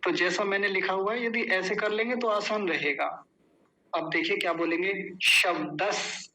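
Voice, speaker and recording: A man leads a recitation lesson, speaking slowly and deliberately, breaking each word apart and repeating it until it sticks. His voice sits high for a man and rings bright and clear. He explains patiently, then drills the sounds in call-and-response. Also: steady tone, poor audio. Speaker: Sanskrit recitation teacher.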